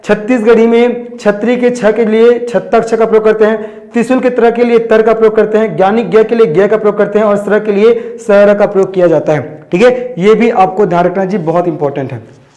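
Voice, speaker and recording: A man from Chhattisgarh with a fairly high voice teaches an exam-prep grammar lesson. He keeps posing questions and answering them himself, repeating each key term. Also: steady tone, fairly quick, warm tone, highs cut off. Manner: asks and answers his own questions, repeats key terms.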